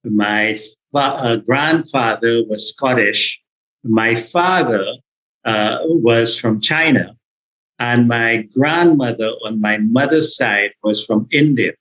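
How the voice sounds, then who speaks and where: A man's voice: medium pitch, slow, a bit bright, low-quality recording. A man from Trinidad and Tobago, answering interview questions about his background with frequent restarts and small laughs. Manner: hesitant, with restarts and little laughs. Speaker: guest, meditation teacher and health consultant.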